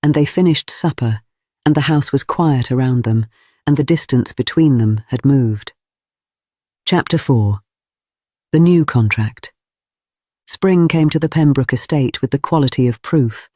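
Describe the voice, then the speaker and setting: Mellow man narrating a period romance. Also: mid-range voice, no echo, studio quality. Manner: measured, formal period storytelling. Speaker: audiobook narrator. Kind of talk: scripted narration of a Regency romance tale.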